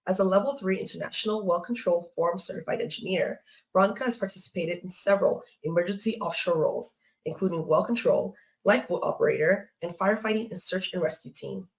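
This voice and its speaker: A woman's voice: on the low side, quick pace, low-quality recording. A woman hosting an interview series, reading a polished introduction and asking questions. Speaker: host.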